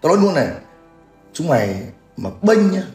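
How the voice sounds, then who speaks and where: A man's voice: on the high side, big pitch swings, moderate pace, darkish tone. A man, ranting crudely and mockingly in a livestream. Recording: echoey room with faint music.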